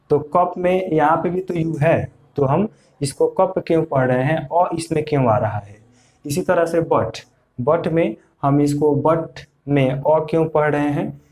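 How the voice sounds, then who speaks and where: A man's voice: a little high, a little mellow. A man teaching an English pronunciation lesson, patiently repeating each point for learners.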